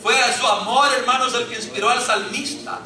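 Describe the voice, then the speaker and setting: A male preacher delivers an impassioned sermon with a very high, sharp, ringing voice. He is recorded from some distance, and the church room adds a roomy echo with faint noise behind him. He keeps calling out to his listeners as he preaches. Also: fairly even intonation, fairly quick. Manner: impassioned preaching, often addressing the congregation as brother. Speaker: pastor. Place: church hall. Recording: echoey church, mic at a distance.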